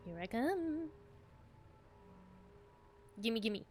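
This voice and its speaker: A woman with a fairly high voice streams a game. She keeps up casual commentary in a chatty, playful way, as if talking to friends. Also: very animated, drawn-out words, a little mellow, a little hiss or hum.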